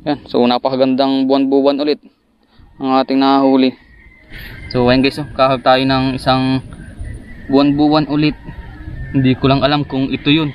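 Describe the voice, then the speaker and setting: A man vlogging while fishing outdoors, chatting to viewers and breaking into excited bursts at each bite. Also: medium pitch, slight background noise. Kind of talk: casual fishing vlog narration. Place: outdoors by the water, rural.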